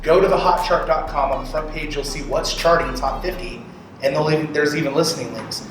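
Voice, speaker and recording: The talk comes from a late-thirties radio programmer appearing as a guest speaker, whose voice is fairly high and fairly quick. He gives the group an informal instructional talk in a conversational manner, checking in with short questions. Loud background noise fills an echoey room, picked up by a distant mic.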